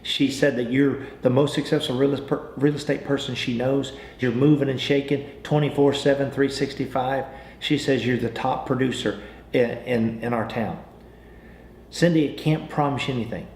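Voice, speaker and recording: With a slightly mellow mid-range voice, fairly even intonation and a moderate pace, this American salesman runs an informal training session that includes acted sample calls. He's folksy and persuasive, often repeating himself and starting over, and the sound is roomy and echoing with faint noise.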